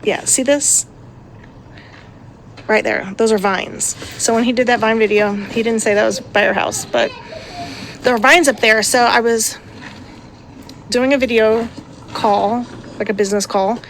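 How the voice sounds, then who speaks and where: A woman in her thirties chats casually to her vlog audience at an unhurried pace. She laughs often and slips in sarcastic asides. Faint background noise sits under her voice. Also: fairly high pitch, steady tone. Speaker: vlogger and mother. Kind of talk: casual chat.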